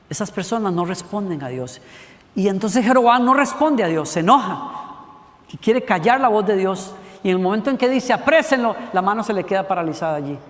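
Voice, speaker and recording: A male pastor delivers an animated sermon, slipping into the voices of the characters as he retells a Bible story. His voice sits high for a man. The sound has the long reverb of a church hall. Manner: animated storytelling, acting out voices of biblical figures. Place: church sanctuary.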